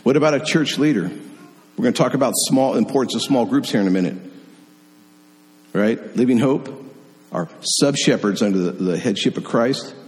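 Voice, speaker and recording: A middle-aged man preaching a sermon, telling a personal story in an animated, conversational way. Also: medium pitch, moderate pace, pauses often. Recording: long hall reverb.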